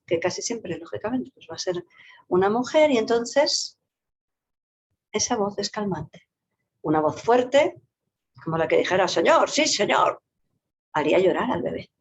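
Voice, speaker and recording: A woman, a psychologist and yoga teacher, explaining a topic in a talk with lively, varied intonation and playful vocal demonstrations. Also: mid-range voice, slight background noise. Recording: dull lo-fi recording.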